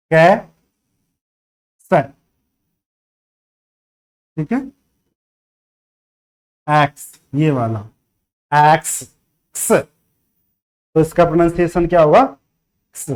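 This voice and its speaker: Slow, patient man teaching letter sounds. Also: fairly high pitch. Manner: drills each letter sound over and over, checking in often. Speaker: phonics teacher. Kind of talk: beginner phonics lesson in Hindi.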